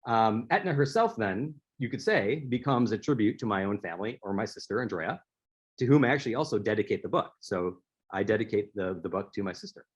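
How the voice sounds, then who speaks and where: The recording has a lo-fi sound, capturing a man's fairly low, husky voice that is expressive and fairly quick. He speaks as an author giving a prepared speaker-series presentation, telling stories with a few restarts.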